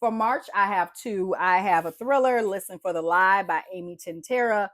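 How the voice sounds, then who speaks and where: A woman with a mid-range, congested, stuffy voice talks at normal speed. She's a book vlogger in casual review mode, animatedly chatting about books she loved and often dropping "y'all" and "like."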